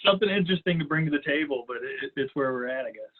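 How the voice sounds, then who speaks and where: A man's voice: a little high, lively intonation, very fast. A man co-hosting a podcast in casual chat, blunt and joking, swearing casually. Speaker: podcast co-host. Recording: tinny phone-like line.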